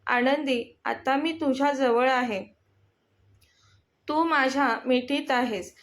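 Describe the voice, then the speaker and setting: A woman's voice: high-pitched, slow pace. A woman reading as a tender young boss. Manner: earnest, pleading. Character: young male company boss, tender lover.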